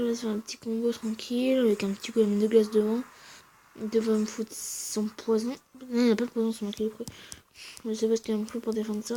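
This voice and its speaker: Excitable woman narrating her gameplay. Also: fairly high pitch, slight background noise. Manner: excitable, shouts at wins and losses, slangy; speaks quietly between outbursts. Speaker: gaming channel host. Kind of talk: casual gaming commentary.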